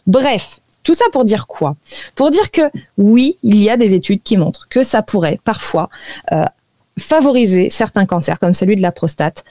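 A woman with a slightly high voice talks through nutrition research as a radio guest. She explains at length in a chatty, conversational way, pausing often on small fillers. The sound is dry and close, with no room around it. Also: darkish tone, dry recording. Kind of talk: radio health talk.

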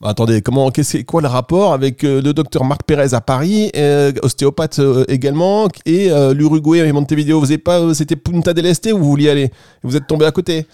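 A man's voice: fairly high pitch, brisk, mellow, smooth, no room sound, clean studio sound. A man hosting a radio show who interviews his guest in a teasing, jokey way. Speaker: radio host. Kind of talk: casual radio chat.

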